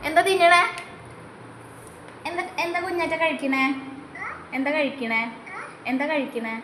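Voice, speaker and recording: A woman's voice: high-pitched, normal speed. A young woman, a mother and vlogger, chatting with her toddler in a casual home video and coaxing her with sing-song questions. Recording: roomy home recording with background noise.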